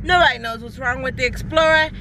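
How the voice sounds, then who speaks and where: A woman's voice: sits high, fast talker, noisy background. A Jamaican woman with a Jamaican accent, chatting and teasing as she vlogs about her family. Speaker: family vlogger. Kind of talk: casual family vlog.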